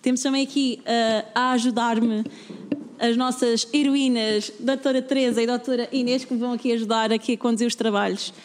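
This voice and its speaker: High-voiced woman chairing a session, long reverb. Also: fairly even intonation, fairly quick, slight background noise. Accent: European Portuguese. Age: 30s. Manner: friendly, practical, many fillers. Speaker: committee chair, young MP. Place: large parliament chamber.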